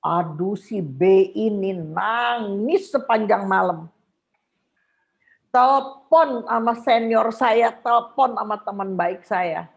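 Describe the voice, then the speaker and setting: An older woman on a video call, telling a story in a casual, animated way and acting out her own calls in a high voice. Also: slow pace, lo-fi sound. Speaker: guest speaker.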